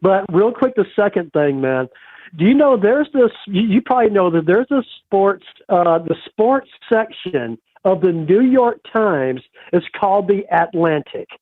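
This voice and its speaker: A man calls in to a sports show and rants animatedly over the phone, peppering his talk with "man." His voice sits high and comes through a tinny, narrow line. The sound is dry, with no room echo. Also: measured pace. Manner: animated ranting, repeats "man". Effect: heard over a phone line. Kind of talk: casual phone-in rant.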